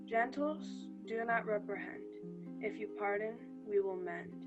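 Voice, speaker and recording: A woman's voice: medium pitch, measured pace, dull audio, loud music behind the voice, lightly acted. A woman playing a mischievous male fairy sprite, reciting rhythmic, playful verse. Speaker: student actor.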